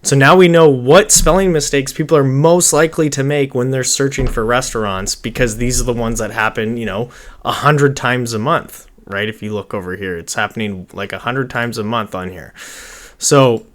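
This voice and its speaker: A man in his thirties hosts an informal online marketing screen-share tutorial from a small indoor room at his computer. He rambles, thinking aloud and muttering to himself as he works, in a medium-pitched, slightly bright voice at normal speed.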